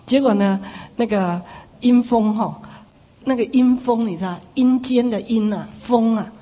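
A woman preacher telling a testimony in an animated way, dropping little "ha" fillers. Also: fairly high pitch, a little slow, muffled recording. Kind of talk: sermon testimony storytelling. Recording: long reverb in a big hall.

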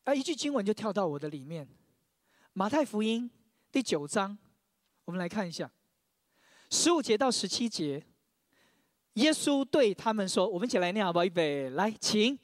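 A man's voice: high voice, very animated, normal speed, pauses often, no echo, clean studio sound. A man preaching a sermon, sharing his own testimony, often stammering over repeated words and leading the congregation in reading scripture aloud.

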